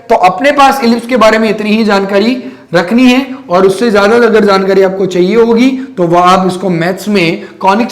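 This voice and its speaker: A man with a fairly high voice teaching physics in a lecture style, often stopping to ask if the class has understood. He mixes English math terms into his sentences, and the sound carries the echo of a bare room. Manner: keeps checking if students follow. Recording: echoey room.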